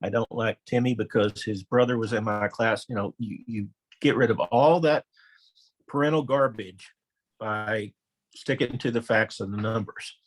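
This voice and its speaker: A man's voice: fairly even intonation, normal speed, poor audio. A middle-aged man, a former elementary principal, presenting a conversational training webinar and acting out quoted voices in anecdotes. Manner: anecdotal, acts out quoted voices with raised pitch.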